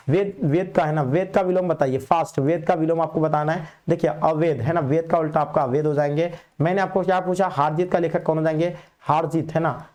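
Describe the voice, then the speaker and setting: A man teaching an exam revision lesson, quizzing students in a brisk, repetitive way and calling them "babu". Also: a little high, darkish tone.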